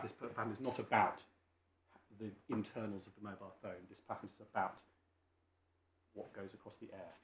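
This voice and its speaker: A British man making formal legal submissions as a barrister, deferential and learned, often halting and repeating his phrases. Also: lowish voice, fairly bright tone. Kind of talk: formal courtroom legal argument. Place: indoor courtroom. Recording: echoey courtroom with faint background noise.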